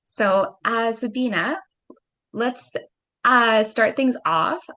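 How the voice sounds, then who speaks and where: A woman's voice: a little high, slow. A woman from Canada hosting a podcast, asking questions in an encouraging, casual way with fillers. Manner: warm-hearted, encouraging, with fillers. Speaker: podcast host. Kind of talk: casual interview chat.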